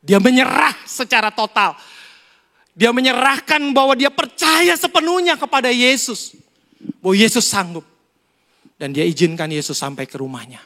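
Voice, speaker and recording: High, bright-voiced preacher. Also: male voice, normal speed. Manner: lively, conversational preaching with rhetorical questions and jokes. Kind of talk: sermon. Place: church hall during a Sunday service. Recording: long church-hall reverb.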